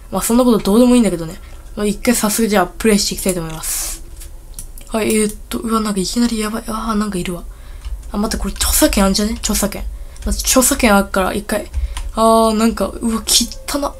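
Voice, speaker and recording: A woman hosting a casual gameplay video, rambling and excitable with blunt, rough speech, talking a little thickly from a bitten tongue. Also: medium pitch. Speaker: gaming video host.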